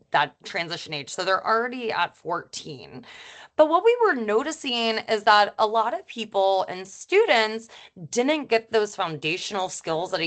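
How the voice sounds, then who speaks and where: A woman presenting a webinar as a former teacher, talking quickly and informally with lots of fillers. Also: medium pitch. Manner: rapid, chatty, self-described auctioneer pace; friendly and informal, with frequent fillers.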